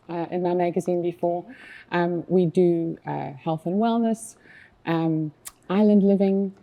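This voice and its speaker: This is a South African woman in her fifties, a magazine publisher guest on an interview, whose voice is lowish and dark. She speaks casually in her South African accent, with many fillers and restarts.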